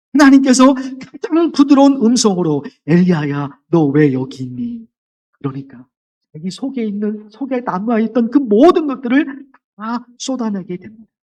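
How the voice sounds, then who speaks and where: A man preaching a sermon as pastor, earnest, dropping to a gentle voice when quoting. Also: sits high, recorded from a distance. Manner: earnest, softens to a gentle voice for quoted words. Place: church sanctuary.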